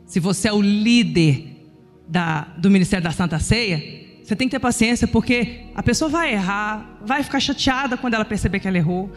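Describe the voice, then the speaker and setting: A woman's voice: medium pitch, fairly quick, long reverb tail, soft background music. A middle-aged woman preacher telling a chatty family story in her sermon. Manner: animated, chatty anecdotes.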